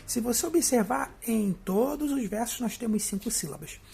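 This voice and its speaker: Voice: mid-range voice, expressive, normal speed, vocal fry, warm tone, slightly rough. A teacher with a Brazilian Portuguese accent giving a step-by-step video lesson, often checking in with the listener.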